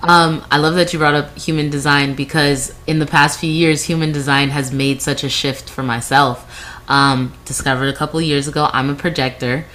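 A woman podcast host asking relaxed questions and sharing her own experience in a casual interview. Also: sits low, moderate pace.

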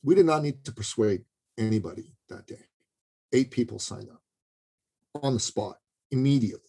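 A man's voice: medium pitch, animated, moderate pace, gravelly, dark tone, slightly rough. A man telling a story as a podcast guest, talking casually and often checking in with "you know" and "right". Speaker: business coach.

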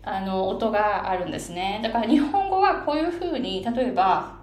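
A woman pronunciation coach explaining a chart in a patient, lively way, with many fillers and English phrases dropped into her talk. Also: medium pitch, normal speed. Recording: echoey room, faint background noise.

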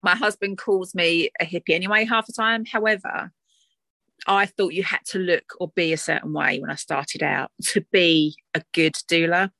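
A woman with an Essex twang talks casually and reflectively, as a guest would. Her voice sits a little low. The sound is dry, with little room around it, and her delivery is chatty and conversational. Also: fairly even intonation, normal speed, vocal fry, sharp tone, no echo. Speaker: doula, interview guest.

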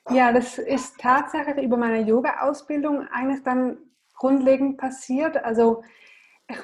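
A woman's voice: sits high, steady tone, unhurried. A woman podcast guest, a coach, answering questions in casual interview talk.

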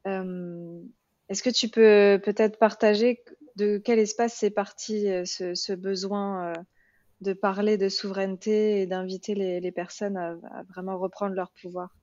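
A woman interviewing in a reflective, conversational way, haltingly searching for her words. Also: mid-range voice, steady tone, a little mellow, no room sound, highs cut off.

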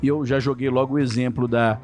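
A man hosting a casual podcast English lesson, acting out example phrases in a lively way. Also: medium pitch, brisk, soft background music. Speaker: English teacher, podcast host.

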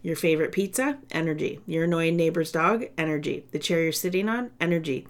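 A woman podcast host with a ratchety, smoker's rasp in her voice, talking in an informal, playful, chatty way. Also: low-pitched, expressive, a little fast. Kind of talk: upbeat casual solo podcast talk.

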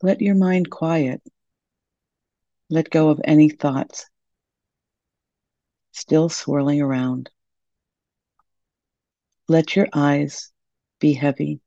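A woman guides a meditation in a soft, soothing and gentle way. Her voice is mellow, with a creaky edge. The recording is close and dry but somewhat dull and lo-fi. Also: deep voice, steady tone, very slow, pauses often, no room sound.

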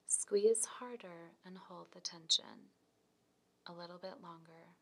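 A woman leads a scripted guided relaxation in a soft, breathy, near-whispered voice, giving slow, calm, soothing instructions. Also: fairly low pitch.

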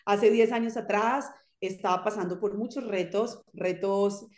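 A Colombian woman with a Colombian accent speaks as a podcast guest, upbeat and emphatic, with reflective turns. Her voice sits at a middle pitch. The room around her leaves a noticeable echo. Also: steady tone, unhurried, a little mellow. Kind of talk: casual interview.

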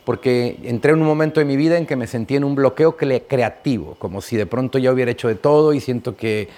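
A man's voice: mid-range voice, quick pace, darkish tone. A man interviewing a guest in a casual chat, asking questions and backing him up with short affirmations. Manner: attentive, frequent short affirmations.

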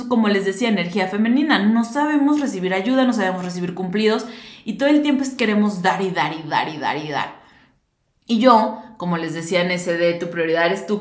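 A woman hosting a podcast, talking casually and directly to her listeners with lots of fillers. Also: medium pitch. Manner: chatty, talks straight to listeners with many fillers. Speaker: podcast host. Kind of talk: casual monologue. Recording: roomy echo.

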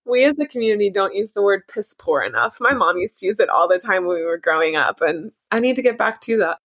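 A woman's voice: medium pitch, lively intonation, quick pace, fairly bright tone. A woman co-hosting a podcast, chatting casually and joking playfully. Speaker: podcast co-host.

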